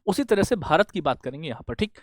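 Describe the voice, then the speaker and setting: A man with a rather high voice teaches an exam-prep lesson. He fires off quick questions, answers them himself and keeps checking in with friendly fillers. He is recorded up close in a dry room with no echo. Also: sing-song. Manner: asks quick questions and answers them himself, says "bhaiya" and "theek hai" often. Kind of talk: classroom lecture with call-and-response questions.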